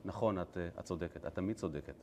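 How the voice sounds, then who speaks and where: A man voicing a meek, henpecked man who apologizes quietly and sheepishly. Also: low voice, creaky, a little hiss or hum, voice pushed down.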